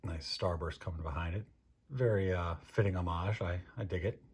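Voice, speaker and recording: This deep, husky-voiced American man from Maryland hosts a watch review show. He goes over products casually, with a dry and unhurried delivery.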